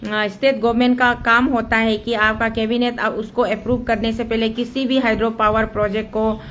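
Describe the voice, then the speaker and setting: A woman's voice: a little high, flat delivery, moderate pace, a bit bright, slight background noise. A woman with an Arunachal accent giving an impassioned monologue, explaining a procedure step by step and mixing English phrases into her Hindi. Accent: Arunachal Pradesh. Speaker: activist speaking on a local dam issue.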